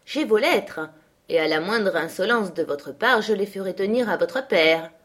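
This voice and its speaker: A woman voicing a harsh, brooding man who mocks and threatens, forceful and insistent. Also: mid-range voice, animated, moderate pace. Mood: menacing. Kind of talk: audiobook character voice.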